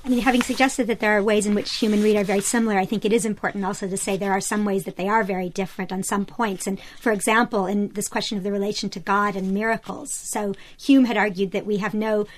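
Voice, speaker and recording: A woman guest on an academic discussion panel. She speaks quickly and fluently, laying out her points in articulate sentences. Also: medium pitch, fairly even intonation.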